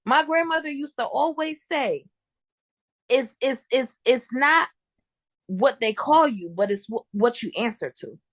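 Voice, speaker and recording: Higher-voiced woman giving motivational advice. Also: lively intonation, unhurried, no room sound, studio quality. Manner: motivational, repeats key phrases, restarts. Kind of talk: casual interview conversation.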